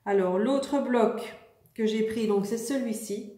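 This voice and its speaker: A woman showing off her shopping haul in a casual, chatty way, often pausing and hesitating as she talks. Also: fairly high pitch, roomy sound. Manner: relaxed, chatty, many hesitations.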